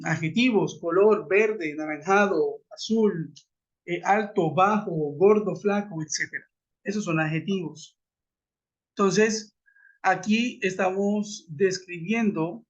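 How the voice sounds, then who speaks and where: A man teaching an English grammar lesson in a webinar, patiently repeating and spelling out examples. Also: sits high. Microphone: computer mic on a web call. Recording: dull lo-fi web conference audio.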